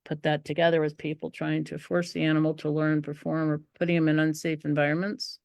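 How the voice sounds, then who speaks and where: A woman, a dog trainer as guest, telling lively stories and acting out voices in conversation. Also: deep voice, a little fast, gravelly, no echo. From outside the UK. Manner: animated, acts out quoted voices. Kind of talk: conversational storytelling on a live stream.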